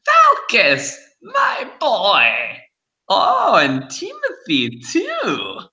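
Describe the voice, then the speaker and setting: A man voicing a knowing old crone fortune teller with a high, cackling old woman's voice in a tabletop game. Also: wildly swooping pitch, drawn-out words, bright, forceful tone, echoey room, exaggerated voice. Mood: theatrical, knowing. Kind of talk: tabletop role-play.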